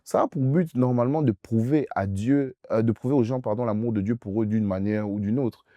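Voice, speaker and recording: A man's voice: mid-range voice, a little fast, warm tone, dry recording. A young man preaching as pastor in a youth question-and-answer session, emphatic and insistent, repeating phrases straight at the listener.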